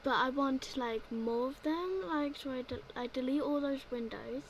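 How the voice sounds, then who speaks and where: At a normal pace, a young woman with a high-pitched voice gives a rambling, casual voice-over of her gameplay for a gaming video. There's a little hiss or hum, and she repeatedly fills gaps with "like, yeah."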